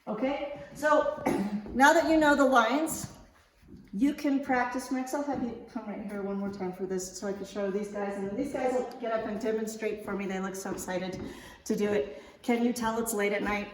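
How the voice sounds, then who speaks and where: A woman's voice: medium pitch, normal speed, slight background noise. A woman coaching a fencing class, explaining technique step by step in an informal, checking-in way. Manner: informal, checks understanding with okay. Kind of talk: instructional demonstration, explaining step by step. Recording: very echoey large room.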